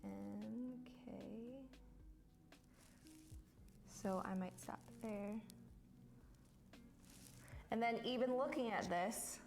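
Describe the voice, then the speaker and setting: A woman's voice: fairly high pitch, extremely slow, vocal fry, long pauses, darkish tone, soft background music. A woman giving a casual hands-on art lesson, explaining each step in an encouraging way. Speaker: lettering art teacher.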